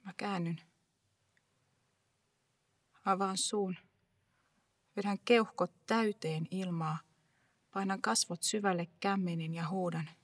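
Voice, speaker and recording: A woman performing a dramatic first-person monologue with an intense, hushed delivery. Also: fairly low pitch, fairly even intonation, long pauses, no room sound.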